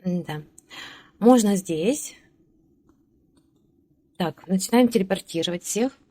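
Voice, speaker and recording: A woman's voice: mid-range voice, animated, slow, dark tone, no echo. A woman giving casual gameplay commentary, chatting along and ordering her game characters around, with hesitant fillers. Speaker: let's play host.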